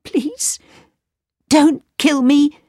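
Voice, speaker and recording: A woman's voice: sits high, fairly even intonation, slow, darkish tone, dry recording, clean studio sound, pitched above the performer's own voice. Woman voicing a frightened young princess. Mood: pleading. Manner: pleading.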